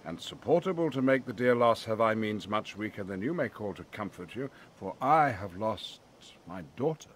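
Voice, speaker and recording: A man's voice: on the low side, animated, natural voice. Man acting Prospero, a commanding duke, swooping delivery. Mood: solemn. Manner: theatrical, measured, formal. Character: Prospero, commanding wronged duke and grieving father. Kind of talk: Shakespearean audio drama acting. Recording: clear background noise, ambience.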